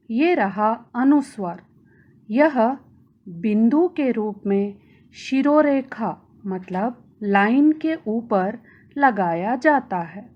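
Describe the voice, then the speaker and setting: Slow, careful woman teaching children. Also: fairly high pitch, highs cut off. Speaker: Hindi teacher. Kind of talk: recorded grammar lesson for children.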